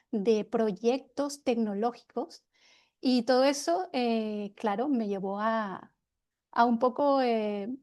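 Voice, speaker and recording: A middle-aged woman from Venezuela with a Venezuelan accent, speaking reflectively as a webinar panelist, often pausing and restarting. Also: a little high, dark tone. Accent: Venezuelan Spanish. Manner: reflective, many hesitations and restarts. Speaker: panelist, personal development consultant. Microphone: video call.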